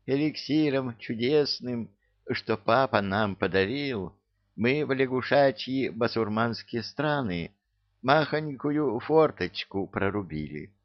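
A man's voice: medium pitch, expressive, takes it slowly, dull audio, pitched above the performer's own voice. A man voicing a chirpy, sly little male creature who talks in a folksy, conspiratorial way. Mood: gleeful scheming.

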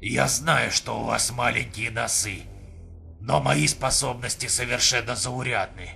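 A man's voice: medium pitch, measured pace, vocal fry, soft background music, full character voice. A man playing a blunt, unwavering Neanderthal. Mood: calm. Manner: flat, firm, matter-of-fact. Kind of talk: audiobook reading.

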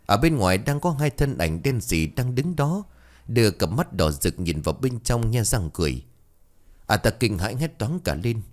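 A male storyteller reading a ghost story. His voice sits low, but his intonation swings widely. He narrates in a dramatic, expressive manner. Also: moderate pace.

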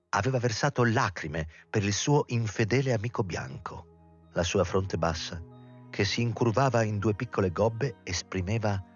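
A man reading a novel aloud in a measured, dramatic storytelling manner with a husky voice. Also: on the low side, muffled recording. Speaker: reader. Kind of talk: literary audiobook reading.

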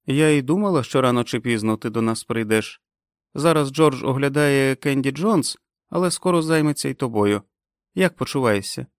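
Here a man voices a bubbly, eager young woman who helps out at a clinic, sounding cheerful throughout. He pitches it above his own voice yet keeps it close to an everyday tone, at medium pitch with lively intonation and normal speed. The studio sound is clean, with no echo.

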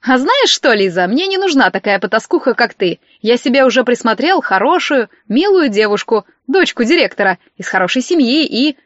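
A woman's voice: on the high side, big pitch swings, normal speed, hardly any pauses, no room sound, dull audio. A woman reading an audiobook, voicing a smug, mocking young husband with a mannered drawl. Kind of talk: audiobook character voice.

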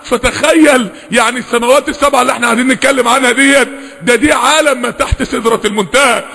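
A man with an Egyptian accent preaching an impassioned sermon, switching between rapid talk and loud, drawn-out recited verses. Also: very high-pitched, creaky. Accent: Egyptian Arabic. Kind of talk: impassioned Friday-style sermon. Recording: long echoing hall reverb.

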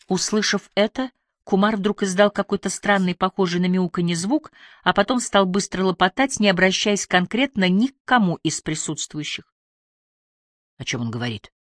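A woman reads an audiobook aloud with clear, expressive delivery. Her voice sits at a middle pitch. The recording is dry and close to the mic. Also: normal speed, dry recording. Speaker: audiobook narrator. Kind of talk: scripted narration.

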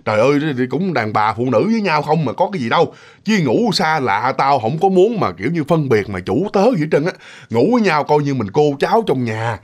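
A man's voice: a little high, big pitch swings, a little fast. A man voicing a kindly fifty-year-old woman who owns a restaurant, talking in a motherly, coaxing way.

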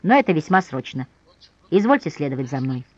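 A woman's voice: low voice, big pitch swings, a little fast, dull audio. A woman voicing a young male lieutenant who speaks in a formal, clipped way.

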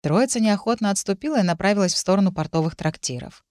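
A woman reading a first-person story aloud in an even, measured way. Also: medium pitch, no room sound, clean studio sound. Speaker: audiobook narrator. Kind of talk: first-person audiobook narration.

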